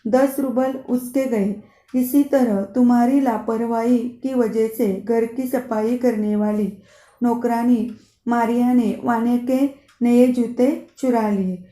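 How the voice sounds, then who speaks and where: A woman's voice: fairly high pitch, steady tone, slow, mellow. A woman voicing a stern, stingy male house master who scolds and counts off deductions, in an echoey room. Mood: scolding.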